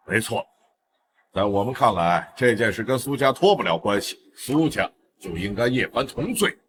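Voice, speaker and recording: Smug gloating onlooker, low voice, lively pitch, crowd behind. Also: male voice, normal speed. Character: smug onlooker who gloats over the hero.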